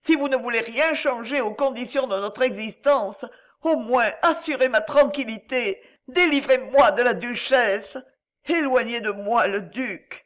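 A man's voice: very high-pitched, measured pace, fairly bright tone, voice pushed up. A man voicing a proud young wife who pleads with her husband in an impassioned, tearful way. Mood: pleading.

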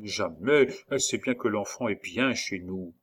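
A man reading a story aloud, voicing a superstitious, excitable peasant nurse in a high exclaiming voice. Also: a little slow, breathy edge. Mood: matter-of-fact. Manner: shrill exclaiming falsetto. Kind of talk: audiobook reading.

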